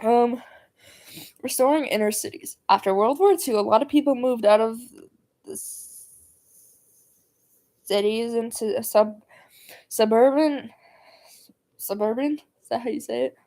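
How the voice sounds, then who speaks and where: A woman's voice: on the high side, normal speed, pauses often, a little mellow. A woman livestreaming casually, rambling and stumbling over words as she reads homework aloud. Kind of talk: casual livestream chat while doing homework.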